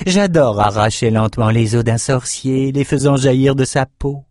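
A man voicing a cruel, gloating female warrior who taunts her captives in a slow, drawn-out way, in a storybook reading. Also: medium pitch, darkish tone, no room sound, studio quality, lightly acted.

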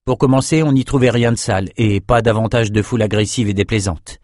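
A man reading a fantasy story aloud as narrator, in a measured, dramatic way. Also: lowish voice, fairly even intonation, a little mellow, no room sound, clean studio sound.

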